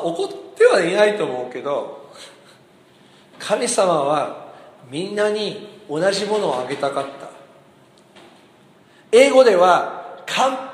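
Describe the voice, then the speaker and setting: A man preaches in a high, lively voice that swoops up and down as he acts out quotes and keeps asking his listeners questions. His sermon rings through a roomy hall with a long echo. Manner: animated, asks the congregation questions, acts out quotes. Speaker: pastor. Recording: echoey hall.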